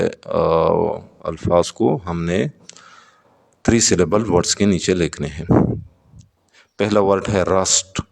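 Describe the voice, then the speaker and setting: A man's voice: deep voice, creaky, darkish tone, long reverb tail. A man teaching an English lesson, going word by word, repeating terms and asking his students questions. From Pakistan. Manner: slow, repeats words and asks students questions. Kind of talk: classroom lesson explaining vocabulary.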